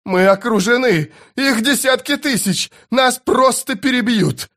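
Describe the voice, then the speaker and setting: A man voicing a pompous, panicky male army commander who shouts frantically in a raised voice, in an audiobook. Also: high-pitched, very animated, a little slow, voice pushed up, full character voice. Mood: panicked.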